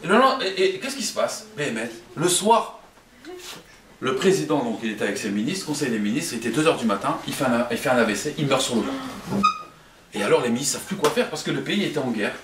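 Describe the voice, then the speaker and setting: A man telling a story to an audience in an animated way, laughing often. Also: mid-range voice, fairly quick, slight background noise. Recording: roomy, from a distance.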